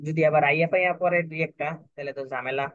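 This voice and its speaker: A young man teaches a math lesson, breaking each step down patiently and repeating himself to make sure students follow. His voice sits slightly high for a man. The recording is dry and dull, like a lo-fi online class. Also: steady tone, racing, dry recording. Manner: patient, repetitive, checks for understanding. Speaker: math tutor.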